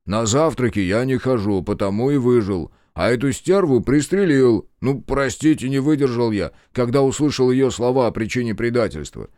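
A man's voice: medium pitch, animated, normal speed, few pauses, mellow, no room sound, clean studio sound, close to an everyday voice. A man voicing a hungover, tied-up male storekeeper who protests and pleads in crude slang. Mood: aggrieved pleading.

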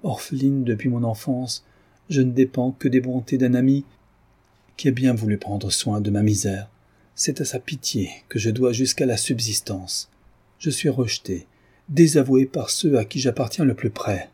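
A man's voice: medium pitch, moderate pace, dark tone, husky, close to an everyday voice. A man voicing a tearful, self-effacing young orphaned woman in an audiobook reading. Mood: grieving.

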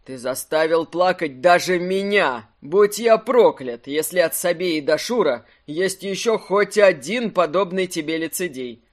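A narrator voicing an elderly male actor who speaks low, soft and affectionately in an audiobook. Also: animated, unhurried, hardly any pauses, close to an everyday voice. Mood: delighted. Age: older. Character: old kindly male actor, fatherly and warm. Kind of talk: audiobook character voice.

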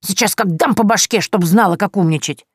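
A woman's voice: medium pitch, brisk, husky, dry recording, clean studio sound, voice pushed up, natural voice. A woman voicing a spiteful, quarrelsome old witch who snaps and shrieks. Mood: shrieking. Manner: snappish, shrieking.

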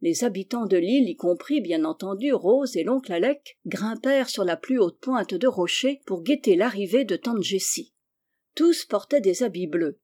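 A woman narrates a classic children's novel in a measured, expressive reading voice. Her pitch sits right in the middle for a woman, and she tells the story in an even, unhurried way. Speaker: audiobook reader. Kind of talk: scripted narration.

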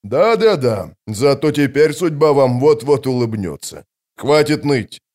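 A man narrating an audiobook, voicing a gruff, grumbling male sapper. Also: mid-range voice, very animated, measured pace, darkish tone. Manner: grumbling, blunt.

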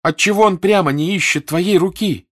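Guy voicing an earnest young woman, pushy and anxious, higher voice. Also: moderate pace, a bit bright. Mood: worried. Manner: insistent, pressing questions. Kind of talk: audiobook character reading.

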